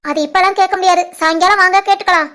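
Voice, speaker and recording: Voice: very high-pitched, fairly even intonation, racing, sharp tone. A voice artist playing a playful young college woman in love, in a cartoon, with a southern Tamil Nadu dialect. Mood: affectionate teasing. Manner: playful, teasing, affectionate. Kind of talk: cartoon voice acting.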